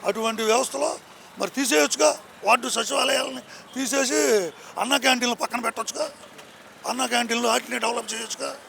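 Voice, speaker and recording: A man speaking out on a busy city street, arguing his political point with heat. His voice sits very high and has a gravelly, fried edge. The tone is bright and hard, with faint traffic noise behind him. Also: fast talker. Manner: argumentative, heated political opinion. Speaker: member of the public. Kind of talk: street interview answer.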